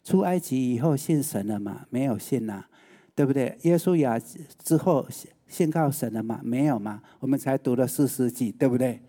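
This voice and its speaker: A man's voice: medium pitch, normal speed, mellow. A male preacher, giving a sermon and often putting rhetorical questions to the listeners.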